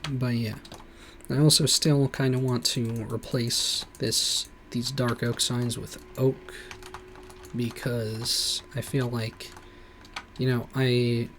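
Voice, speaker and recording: A man's voice: medium pitch, fairly even intonation, takes it slowly, a little hiss or hum. A man streaming a game, rambling casually with lots of "like" and "you know". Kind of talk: casual gameplay commentary.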